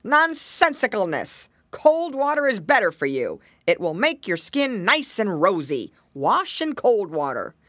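A woman's voice: medium pitch, very animated, measured pace, hardly any pauses, fairly bright tone, no room sound, studio quality. A woman voicing a stern pig father who talks in an emphatic, bossy way. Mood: scolding.

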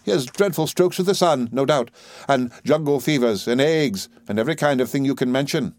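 A man's voice: fairly quick, darkish tone, no echo, lightly acted. A man voicing a fussy, overbearing old widow who gushes and talks with heavy emphasis. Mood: gushing. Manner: shrill, emphatic, gushing. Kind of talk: audiobook character reading.

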